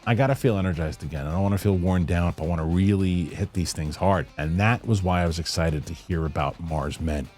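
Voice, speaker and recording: Over soft background music, the host of a UFO news show talks a little fast with few pauses, his voice low-pitched and darkish. His commentary is casual, conversational and loosely rambling, and he reads an ad himself too.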